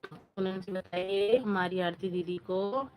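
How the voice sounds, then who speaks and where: A chatty woman with a lilt runs a casual live stream, warmly calling out viewers by name and nudging them for likes. Her voice sits at an ordinary middle pitch, picked up on a phone. A faint hum of ambient sound lingers behind her. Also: slow. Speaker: livestream host.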